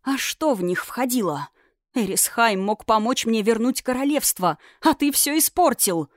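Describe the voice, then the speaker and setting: A woman voicing an angry young fiery princess who shouts accusations in a raised, strained voice. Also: fairly high pitch, lively intonation, moderate pace, dry recording, clean studio sound, natural voice. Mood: furious.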